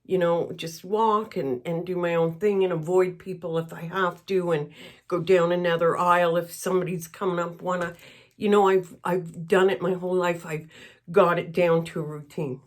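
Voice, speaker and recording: A middle-aged woman from Canada chatting candidly while she works on a craft piece, rambling and a little emotional. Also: on the low side. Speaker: craft vlogger. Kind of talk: casual chat while crafting.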